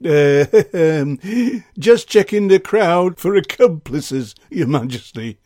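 A man's voice: a little high, lively intonation, slow, warm tone, no echo, studio quality. A man voicing a sneaky, cowardly male sergeant who fawns over his king. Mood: sheepish.

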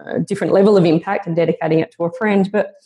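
Mellow-voiced earnest woman guest. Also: on the low side, fairly even intonation, very fast. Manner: earnest, motivational, reflective. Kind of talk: conversational podcast interview.

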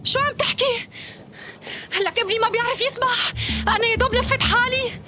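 A woman's voice: high voice, fast, loud music behind the voice, close to an everyday voice. A woman playing a grieving mother. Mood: panicked. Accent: Syrian Arabic. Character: grieving Syrian mother fleeing by boat. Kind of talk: audio drama acting.

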